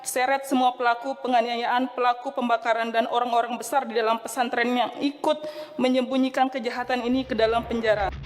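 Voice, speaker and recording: A woman's voice: fairly high pitch, flat delivery, fairly quick. A woman gives a formal prepared appeal in a pleading, emphatic manner. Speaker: victim's parent making an appeal. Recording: reverberant hall sound.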